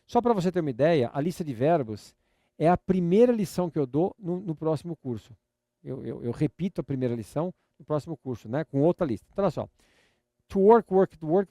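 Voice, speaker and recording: An older Brazilian man teaches a live lesson in a slightly high, mellow voice. He drills each word patiently and repeats himself often, with a playful, teasing edge. The sound is dry and close. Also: dry recording. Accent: Brazilian Portuguese. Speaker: English teacher.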